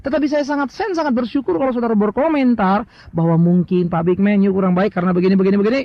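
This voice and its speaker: A man's voice: high voice, quick pace, no echo. A middle-aged man with an Indonesian accent preaching a sermon as a pastor, telling stories and asking rhetorical questions, with English words mixed in. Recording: dry, dull lo-fi sound.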